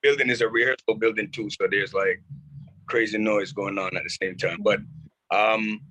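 A man's voice: on the low side, moderate pace, poor audio. A man from Jamaica, a music producer, telling stories with animation in casual conversation from a rehearsal building. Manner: animated storytelling.

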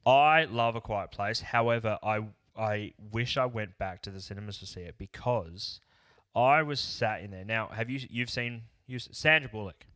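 A man's voice: lowish voice, normal speed, a bit bright, clean tone, dry recording, studio quality. A man co-hosting a podcast, rambling in casual chat and throwing in jokey bits. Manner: rambling, jokey, tries silly accents. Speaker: podcast co-host.

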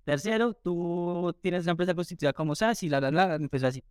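A man tells his story at a quick clip, with a slightly high voice. He acts out what others said to him as he goes. The sound is dry and close. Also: smooth, no room sound. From Colombia. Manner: fast, animated retelling with acted quotes. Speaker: entrepreneur guest. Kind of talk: storytelling in an interview.

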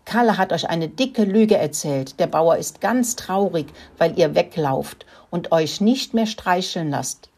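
A woman's voice: fairly low pitch, animated, unhurried, hardly any pauses, mellow. A woman voicing a sensible male farm cat in a children's story, speaking in a reasonable, mewing way. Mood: firm.

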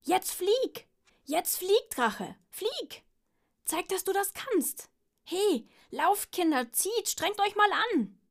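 A woman voicing a boastful, stubborn male pug dog in a storybook reading, in a loud, blustering manner. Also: extremely high pitch, big pitch swings, takes it slowly, pitched above the performer's own voice, heavily acted. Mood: boastful shouting.

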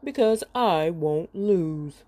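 A woman voicing a huge, gruff male giant who is mocking and boastful, speaking in a booming, slow and heavy way. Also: expressive, dark tone, dry recording.

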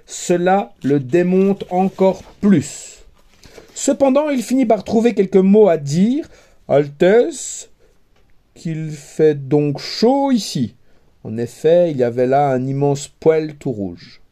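A man narrating a fairy tale aloud in a measured, wry storytelling manner. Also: high-pitched, sing-song, warm tone. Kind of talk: storybook reading.

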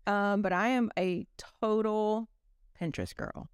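A woman in her forties, a company executive guesting on a podcast, chatting casually in an animated way with plenty of fillers. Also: mid-range voice, unhurried, clear, resonant tone, no echo, clean studio sound. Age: 40s. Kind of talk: casual chat.

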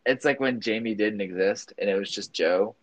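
A man's voice: lowish voice, moderate pace, no echo. A young man chatting casually with a friend, rambling and restarting his sentences, laughing easily. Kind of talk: casual chat.

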